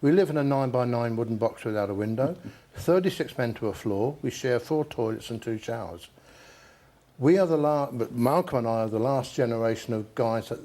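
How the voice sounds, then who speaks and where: An older man speaking as a veteran guest in a casual television interview. His pitch is average for a man, and he sometimes stumbles into repeated words. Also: brisk, mellow. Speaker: Chelsea Pensioner, veteran guest.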